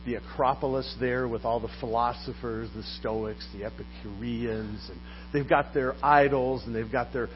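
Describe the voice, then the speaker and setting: A man preaching a sermon as pastor, putting questions to his congregation in a lively manner. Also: mid-range voice, normal speed, over music. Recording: dull recording with faint mains hum.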